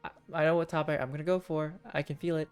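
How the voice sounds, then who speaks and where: A woman casually commentating as she hosts a game livestream, playful and often halting as she thinks aloud. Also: low-pitched, little pitch movement, smooth, faint music behind. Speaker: game streamer hosting a viewer voting game.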